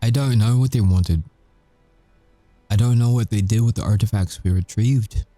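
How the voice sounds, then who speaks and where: In an intimate audio roleplay, a man voices a brooding, flirtatious werewolf who used to be an agent, his deep, dark voice recorded close and dry. He confesses wearily in halting phrases with deliberate pauses, close to his everyday voice, while soft music plays behind. The mood is grave and confessional.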